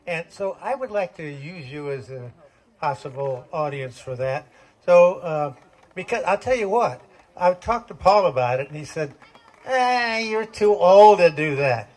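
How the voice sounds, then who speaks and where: A man's voice: fairly high pitch, expressive, normal speed. Folksy older man telling jokes on stage. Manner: folksy, chuckling, self-deprecating. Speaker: performer at a community talent show. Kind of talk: stand-up comedy storytelling. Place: stage at a community talent show.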